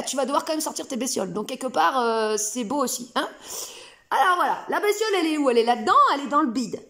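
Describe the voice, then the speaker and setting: A woman talks straight to camera from her home, loose and playful, wandering through her points with lots of fillers. Her voice sits notably high. The tone is informal and chatty. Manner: rambling, playful, many fillers. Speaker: self-help video host. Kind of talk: casual spoken explanation to camera. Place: home room.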